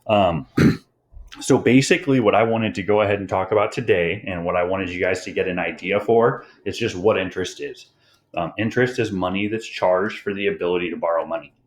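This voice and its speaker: A man's voice: sits low, brisk. A young man teaching students in a recorded online lesson, rambling with many fillers and a bit out of breath. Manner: rambling, many "um"s and "you guys". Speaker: high school teacher.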